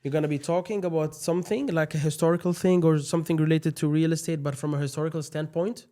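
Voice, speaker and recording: A man's voice: on the high side, steady tone, fast talker, mellow. A man talking casually in a podcast conversation, explaining things in informal, English. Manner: explanatory, informal non-native English phrasing.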